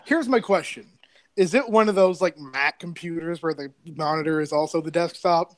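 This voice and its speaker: Male player, higher-pitched, rattles along casually, dry close mic. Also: moderate pace, no room sound. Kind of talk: casual tabletop play.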